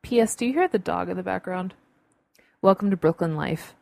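A woman's voice: on the low side, animated, fairly quick, gravelly, a little mellow, no echo. A woman hosting a solo podcast, giving casual advice in an upbeat, chatty, emphatic way. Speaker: podcast host. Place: home room with windows open.

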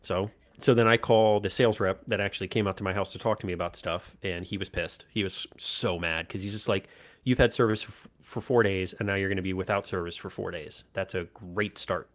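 A man's voice: low-pitched, brisk. A man, a podcast co-host telling a casual story and acting out the voices of the people in it. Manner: animated anecdote telling, acts out quoted voices.

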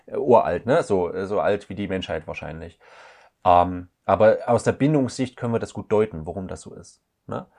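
A man's voice: deep voice, moderate pace, creaky, darkish tone. A man speaking as a couples counselor guest, in a thoughtful, searching way with frequent hesitations. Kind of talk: reflective podcast conversation.

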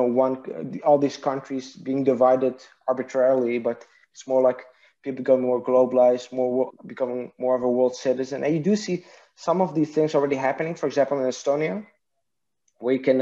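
A man's voice: mid-range voice, dark tone, muffled recording. A man from Iraq, a guest answering interview questions in a thoughtful, hesitant way with frequent restarts. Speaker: guest, partnerships and marketing executive.

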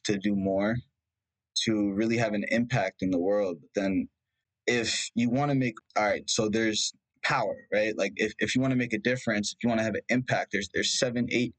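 A young man from India, a native Punjabi speaker, has a fairly low-pitched voice on a low-quality recording. As a guest in a reflective personal conversation, he thinks aloud about his past, rambling with fillers and restarts.

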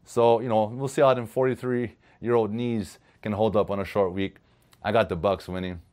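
A man hosting a local sports headlines show, talking in a relaxed way with lots of fillers. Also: fairly low pitch, moderate pace. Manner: easygoing, repeats himself with fillers. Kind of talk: casual sports talk.

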